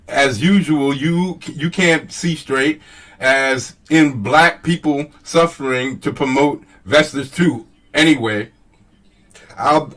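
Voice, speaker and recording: A man's voice: on the high side, fairly bright tone, far from the mic. A man hosts a casual, rambling commentary on online exchanges in a mocking, profane manner. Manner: mocking, profane, chuckling at his own jabs. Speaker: host.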